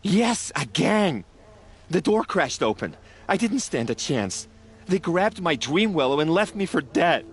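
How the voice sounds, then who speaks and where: A man playing an aggrieved, excitable herb gatherer in a video game, with a dramatic, indignant delivery. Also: a little high, a little slow. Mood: agitated, ominous. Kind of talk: video game dialogue acting.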